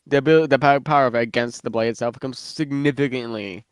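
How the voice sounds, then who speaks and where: A man's voice: medium pitch, quick pace, smooth, dry recording, studio quality. A man chatting casually about fictional lore, rambling with lots of fillers and restarts while eating, so he sounds slightly muffled. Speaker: guest worldbuilder.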